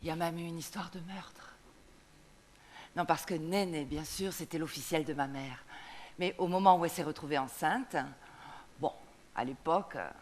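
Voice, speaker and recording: A woman speaking from a theatre stage in a live comedy, prim and quick to correct. She slips into a gossipy, storytelling manner during long monologues. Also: fairly low pitch. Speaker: comic actress.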